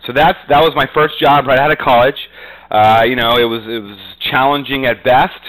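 The recording is rough as this New England man, a middle-aged real estate agent, rambles through his career story as an interview guest on a podcast, peppering it with "you know." He speaks at a moderate pace in a medium-pitched, slightly bright voice with fairly even intonation.

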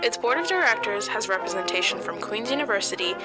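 A woman reading a scripted radio station promo in a crisp, informative way. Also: mid-range voice, lively intonation, quick pace, loud music behind the voice. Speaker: station announcer.

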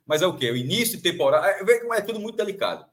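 A Brazilian football commentator analyzes a match in a fast, animated sports panel chat. His voice sits a bit high for a man, and he restarts sentences and repeats phrases while arguing his point.

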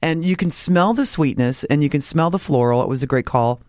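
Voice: medium pitch, a little fast, a little mellow, no echo, studio quality. A radio morning show guest in casual chat, bubbly, playful and chatty.

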